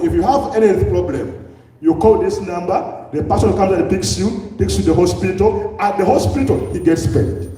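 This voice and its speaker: A man's voice: sits high, mellow. A man with a Ugandan accent giving a lecture to a live audience, firing off rhetorical questions as he speaks. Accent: Ugandan English. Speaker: public health speaker. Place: large hall with an audience. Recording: echoey hall, distant mic.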